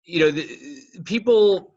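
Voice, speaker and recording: A man's voice: sits high, a little slow, darkish tone, lo-fi sound. A man hosting an interview podcast, joking with his guest and thinking aloud with fillers. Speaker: podcast host. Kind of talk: casual interview conversation.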